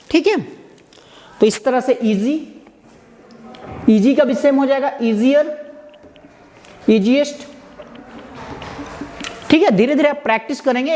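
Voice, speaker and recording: A man teaches grammar in a very high, darkish voice, posing rhetorical questions to his students and then answering them himself. His explanation is slow and repetitive, with words repeated and spelled out carefully. The room is echoey, with faint background noise.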